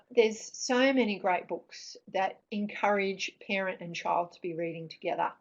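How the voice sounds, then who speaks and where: A middle-aged woman speaks at an average pitch as she presents informally. Her phrasing is thoughtful and hesitant, with frequent pauses and restarts as she explains. The recording is dull and somewhat lo-fi. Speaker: presenter on parents reading with children. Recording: dull, lo-fi sound.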